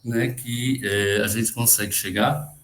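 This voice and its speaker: Guy explaining chant online, keeps asking "right?", sings bits here and there, mid-pitched voice, echoey room. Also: steady tone, slow pace, a bit bright. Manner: explanatory, frequent "né?" tag questions, breaks into short chanted phrases. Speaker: teacher of Byzantine chant. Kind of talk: online music lecture with sung examples.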